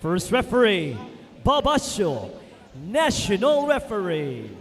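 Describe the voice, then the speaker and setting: A man with a Filipino accent announcing a volleyball match over an arena PA system, stretching and booming his words. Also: wildly swooping pitch, slow, gravelly, fairly bright tone. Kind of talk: arena public address announcing. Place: indoor sports arena. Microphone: PA microphone. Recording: echoey arena with long reverb.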